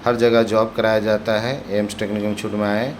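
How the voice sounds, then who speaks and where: A man's voice: fairly low pitch, level tone, fast, a little hiss or hum. A man giving a short promotional introduction for a training course, in a salesy tone. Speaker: institute promoter.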